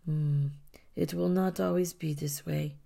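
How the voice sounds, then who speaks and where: A woman voicing a sorrowful, gentle old rabbi who speaks softly and cryptically, half-whispered, in a storybook reading. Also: low-pitched, steady tone, unhurried, vocal fry, exaggerated voice.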